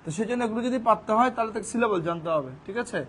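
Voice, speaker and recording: High-voiced teacher breaking words. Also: male voice, a bit bright, slight background noise. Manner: asks questions and answers them himself, repeats words slowly syllable by syllable; speaks in an informal classroom way. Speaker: English grammar teacher. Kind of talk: classroom-style grammar lesson.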